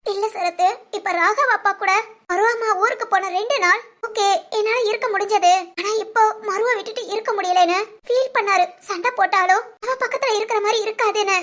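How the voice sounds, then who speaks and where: Woman doing a grieving young woman, very high, soft and teary, for an audio drama. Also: brisk. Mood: tearful. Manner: soft, tearful and polite. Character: grieving young woman missing her father.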